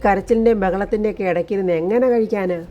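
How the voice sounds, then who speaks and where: Woman reading a blunt tired maidservant grumbling, mellow voice. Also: mid-range voice, steady tone, racing, highs cut off, soft background music, natural voice. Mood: weary. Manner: blunt, complaining.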